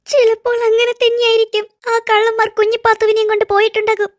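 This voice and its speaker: Someone doing a squeaky, fretful cartoon auntie. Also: completely flat delivery, fast talker. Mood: worried. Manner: fretful, anxious calling out. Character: worried auntie searching for a missing girl in the dark.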